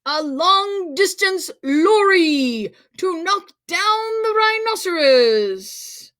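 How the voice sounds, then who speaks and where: Very high and fairly bright, with lively intonation, a woman's voice moves very slowly through a picture book for children on a livestream. She reads playfully, exclaiming, emphasizing dramatically and adding asides for young viewers.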